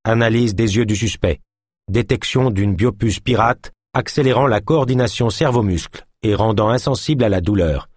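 A clinical machine implant voice, read by a man delivers clipped reports in a low, slightly husky tone. The sound is dry and close. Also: normal speed, no room sound, natural voice.

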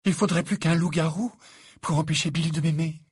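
A man's voice: fairly low pitch, fairly quick, husky, dry recording, studio quality. Fleur, a man voicing a proud imperious young woman. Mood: fierce. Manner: sharp imperious delivery.

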